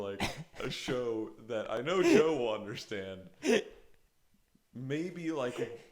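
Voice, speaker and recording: A man's voice: mid-range voice, a little hiss or hum. A young man co-hosting a podcast in casual chat, joking and laughing often. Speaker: podcast co-host.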